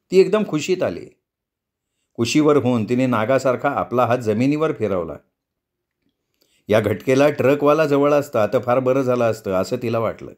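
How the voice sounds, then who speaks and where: A man narrates a novel aloud in a measured, expressive storytelling manner. His voice sits at a middle pitch for a man. He reads as an audiobook narrator.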